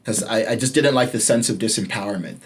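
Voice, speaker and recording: This late-twenties man is a fast-talking podcast host sharing a personal story in a casual, candid way. He curses without restraint and lowers his voice to emphasize points.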